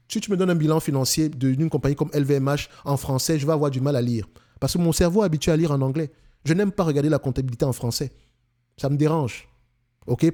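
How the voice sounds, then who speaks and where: This man's fairly high voice has a dark tone and a Cameroonian French accent. Hosting an investing channel, he gives a forceful, casual monologue, repeating himself and restarting often.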